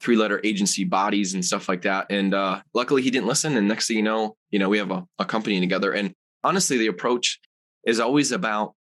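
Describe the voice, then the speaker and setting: Male podcast guest, lower register, casual animated storyteller, loose and filler-heavy. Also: quick pace. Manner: animated, rambling with many fillers. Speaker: guest, supplement company founder.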